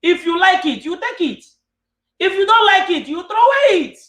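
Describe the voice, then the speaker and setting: A man with a Nigerian Igbo English accent, styling himself a king, delivers a fiery, angry monologue scolding his followers. His very high voice is animated and a bit bright, moving at a moderate pace, and the room echoes.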